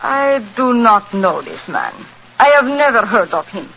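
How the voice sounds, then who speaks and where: An actress in 1940s radio drama playing a proud, possessive young cabaret singer with a French-flavoured foreign accent and curt broken English. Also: female voice, medium pitch, big pitch swings, measured pace, gravelly, a little hiss or hum. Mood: suspicious. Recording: muffled old radio recording with music.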